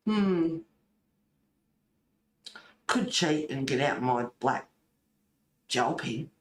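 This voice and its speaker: Drawing out her words in a low, animated voice, this colouring-channel host muses aloud in short, loose phrases as she colours and chats casually. She's recorded on a distant mic in an echoey room with a faint layer of noise.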